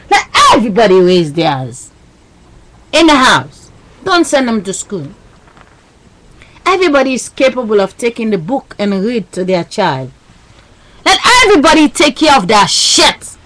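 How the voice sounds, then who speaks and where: This webcam vlogger's voice is a little high, sing-song, and a bit bright, moving at a normal speed. Captured on the built-in webcam mic with poor audio, her agitated monologue rambles, repeats, and uses broken non-native grammar.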